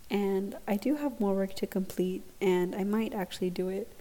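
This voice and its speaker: Her voice is medium-pitched and dark-toned, with fairly even intonation and a moderate pace. The young woman hosts a podcast and is giving a casual solo update, awkwardly and hesitantly, recorded on earphones with a laptop in a dorm lounge.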